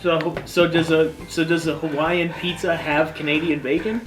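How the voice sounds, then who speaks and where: Teasing low-voiced woman off camera. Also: steady tone, moderate pace, over music. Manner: teasing, playful questions. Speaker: video editor behind the camera. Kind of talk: casual off-camera banter.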